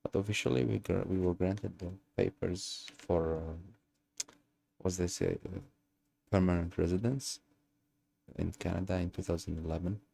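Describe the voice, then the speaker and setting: A young man from Algeria telling his own story in a casual monologue, pausing often and hunting for words. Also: deep voice, steady tone, gravelly, dark tone. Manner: hesitant, searching for words with many fillers. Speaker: channel host.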